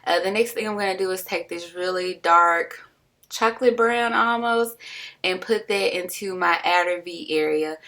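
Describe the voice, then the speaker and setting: Young woman host, low-pitched with vocal fry, casual filler-heavy tutorial voice-over. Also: normal speed, fairly bright tone. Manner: chatty, full of "like" and "um" fillers; self-deprecating about sloppiness.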